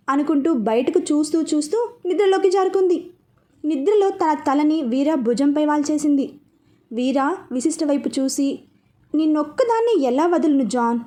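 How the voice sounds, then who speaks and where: Female storyteller, high voice, reads every role in a romance serial herself. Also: dark tone. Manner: reads every part herself, quick shifts into characters' lines. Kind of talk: Telugu romance audio story narration.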